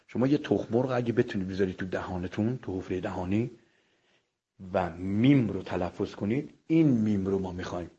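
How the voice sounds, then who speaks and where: A man's voice: low voice, warm tone, husky, highs cut off. A man teaching a voice lesson in an audio file, explaining each step in a polite, formal way. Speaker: singing and voice coach.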